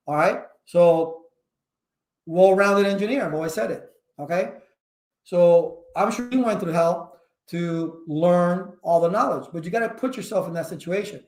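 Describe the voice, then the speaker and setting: A man hosting a casual livestream talk, energetic and rambling, with many fillers and restarts. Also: high-pitched, echoey room. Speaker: channel host.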